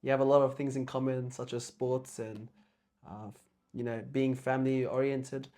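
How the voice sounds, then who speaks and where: A young man from Australia speaks as a guest in a relaxed conversation. His pitch sits in a middle range. He talks softly and hesitantly, filling pauses with ums. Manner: soft-spoken and hesitant, with many ums. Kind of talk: casual chat.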